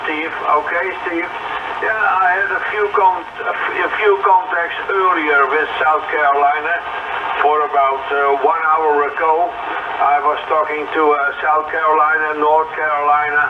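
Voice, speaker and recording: A man making a ham radio call over a shortwave link, halting with many pauses and spelling call signs phonetically. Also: a little high, level tone, echoey room. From Netherlands. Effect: heard over a shortwave radio link. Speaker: radio operator. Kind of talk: radio contact calling stations. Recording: muffled distant radio with heavy static.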